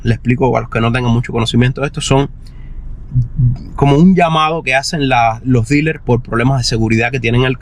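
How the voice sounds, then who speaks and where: Casual man vlogging over vehicle noise. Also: medium pitch. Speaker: vlogger who buys and resells used cars. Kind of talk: casual explanatory vlog talk. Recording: noisy vehicle and outdoor ambience.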